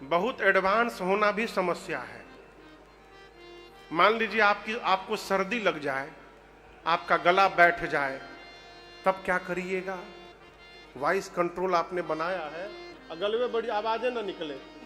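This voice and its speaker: A man, telling devotional stories with jokes, animated and bursting into loud chants. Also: high voice, a little slow, long pauses, faint music behind. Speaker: religious storyteller. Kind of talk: humorous devotional storytelling.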